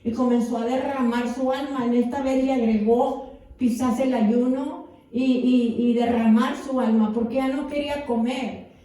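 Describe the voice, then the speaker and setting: A woman's voice: fairly high pitch, fairly even intonation, normal speed, mellow. A woman pastor preaching a sermon with fervor, often adding amens. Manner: fervent preaching with repeated amens. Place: church. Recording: echoey church hall, voice from far off.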